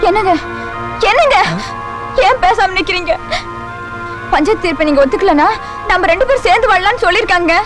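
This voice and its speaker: A woman's voice: extremely high pitch, animated, a little fast, pauses often. An actress playing a heartbroken young wife who begs her husband through tears, in a film soundtrack with music. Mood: pleading. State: crying. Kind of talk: film drama dialogue.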